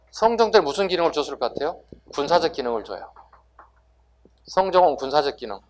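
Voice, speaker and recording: A man teaching history to exam students in a classroom lecture, asking rhetorical questions and answering them himself with emphasis. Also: fairly high pitch.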